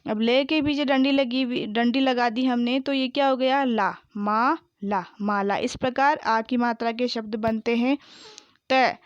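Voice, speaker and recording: A woman teacher reading words aloud slowly one at a time, then explaining each one and quizzing the listener. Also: on the high side, fairly even intonation, smooth, dry recording, lo-fi sound. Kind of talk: slow word-by-word reading lesson.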